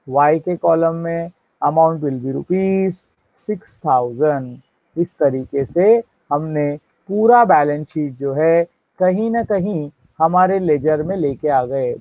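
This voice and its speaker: Indian male accounts teacher, slightly high voice, unhurried dictation, quizzes the class, narrow dry recording. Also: dry recording. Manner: dictates entries slowly, quizzes students. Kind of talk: classroom lecture mixing Hindi and English. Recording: dry, tinny phone-like sound.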